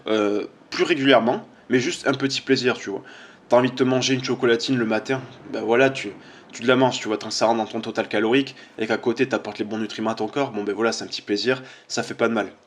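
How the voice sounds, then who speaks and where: A man, a fitness coach giving casual, chatty commentary on social media posts, informal and full of fillers. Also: medium pitch.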